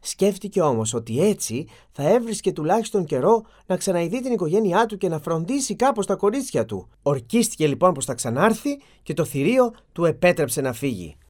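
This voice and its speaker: A storyteller giving an expressive, dramatic reading of a fairy tale. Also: medium pitch, hardly any pauses.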